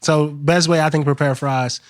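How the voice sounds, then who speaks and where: A man from Texas, a restaurant co-owner, talking in a relaxed, earnest way on a podcast and repeating himself as he goes. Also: fairly high pitch, moderate pace, a crowd in the background. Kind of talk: casual podcast chat.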